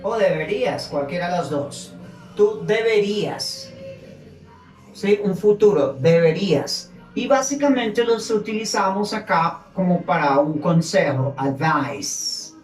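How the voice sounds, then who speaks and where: A woman teaching an English grammar lesson, explaining slowly and switching between English and as she drills words. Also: on the low side, animated, a little mellow, reverberant, soft background music, rough recording.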